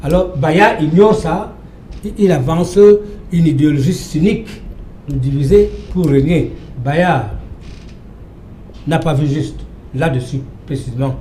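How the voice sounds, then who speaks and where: An older man from Cameroon holds forth as a debate guest in a TV studio, emphatic and given to repeating himself. His voice sits a little high but mellow. The room is roomy and echoing, with a faint hum underneath. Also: unhurried. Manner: emphatic, lecturing, repeats phrases. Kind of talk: televised panel debate.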